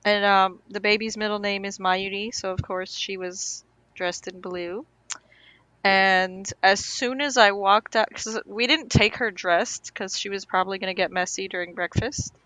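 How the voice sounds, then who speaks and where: A woman's voice: mid-range voice, fairly even intonation, measured pace, pushed and bright, dry recording, low-quality recording. A woman in casual podcast chat, telling stories in a chatty way with many fillers. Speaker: podcast co-host.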